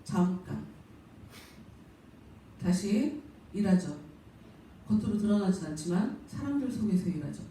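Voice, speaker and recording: A middle-aged woman pastor gives a Sunday sermon, talking to her people casually and putting on little voices for the quotes. Her tone is mellow and warm. She is heard from a distance in a very echoey church with a faint hum of room noise. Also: mid-range voice, expressive, measured pace, pauses often. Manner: conversational preaching, acts out quoted voices. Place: church sanctuary.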